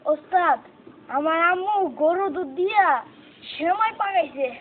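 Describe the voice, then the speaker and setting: A very high-voiced woman plays a meek, plaintive pupil in a comedy skit. The audio is thin and phone-like, with faint hiss. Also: unhurried. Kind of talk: comic skit acting. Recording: tinny lo-fi audio with faint noise.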